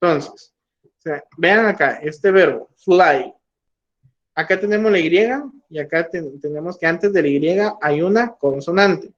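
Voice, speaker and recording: A man with a slightly high voice explains grammar rules at a very unhurried pace. He repeats each point patiently and models words one by one. The recording sounds muffled and lo-fi. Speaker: English teacher. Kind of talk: slow classroom explanation. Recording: dull lo-fi recording.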